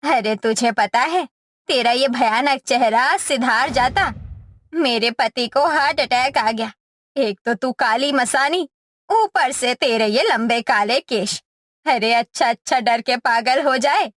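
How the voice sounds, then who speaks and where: A shrill scolding mother-in-law. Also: slow, fairly bright tone, dry recording, clean studio sound. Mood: scornful. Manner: shrill, mocking insults. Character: scolding middle-aged mother-in-law, sharp-tongued. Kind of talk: cartoon story voice acting.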